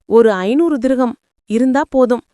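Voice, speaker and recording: A woman voicing an older housemaid, stern yet tender, speaking softly but clearly and slowly. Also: on the high side, no echo, clean studio sound, natural voice. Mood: pleading. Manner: soft but clear, slow and pleading.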